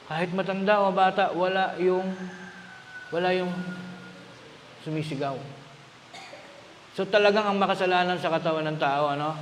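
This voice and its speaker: A man's voice: sits high, slight background noise. A man from Bulacan in the Philippines giving a sermon as a minister, teaching conversationally and asking the congregation rhetorical questions. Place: church hall. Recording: echoey hall with long reverb.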